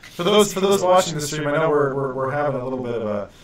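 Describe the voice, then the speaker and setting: A man's voice: a little high, lively intonation, quick pace. A man co-hosting a podcast in casual chat, blunt and swearing, his voice doubled by an echo from a second device. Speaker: podcast co-host. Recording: echoey, distant mic with faint noise.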